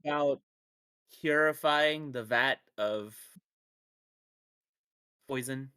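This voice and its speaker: Bright-voiced hesitant male player. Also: medium pitch, extremely slow, clear, resonant tone. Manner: hesitant, questioning.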